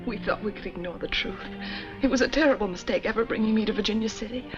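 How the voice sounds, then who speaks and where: An actress playing a gentle, self-blaming young wife who speaks in a pleading, tearful way. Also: female voice, medium pitch, fast, close to an everyday voice. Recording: dull 1950s TV soundtrack with music.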